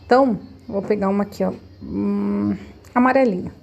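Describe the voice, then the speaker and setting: Patient teacher, mellow voice. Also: female voice, medium pitch, normal speed, creaky, dull audio. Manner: patient, explaining step by step to children. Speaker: schoolteacher. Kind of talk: remote class instructions.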